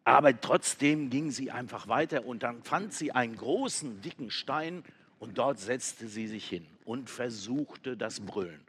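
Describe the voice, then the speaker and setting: Slow, lively male storyteller. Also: medium pitch, husky. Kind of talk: children's story narration.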